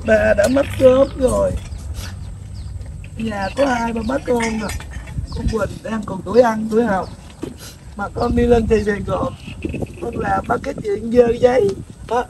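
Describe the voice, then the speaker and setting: A woman's voice: a little high, sing-song, unhurried, vocal fry, pauses often, full character voice. A middle-aged woman playing a poor mother who reproaches her daughter and pleads for her. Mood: reproachful. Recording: noisy outdoor background.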